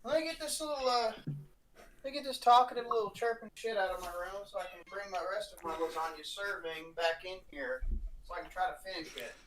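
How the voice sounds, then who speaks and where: A man's voice: high voice, brisk, a bit bright, slight background noise, rough recording. A man with a Southern US accent, a guest on a live stream, chatting casually, rambling and swearing freely. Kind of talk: casual profane chat.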